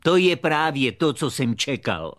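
A man's voice: medium pitch, big pitch swings, fairly bright tone, no room sound, clean studio sound. A pompous, lecturing puppet father. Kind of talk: comic puppet theatre dialogue.

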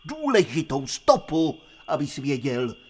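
An eager know-it-all kid from a puppet radio play, whose mid-pitched voice swoops about. He insists on his point, with a faint hiss and forest ambience behind. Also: very animated.

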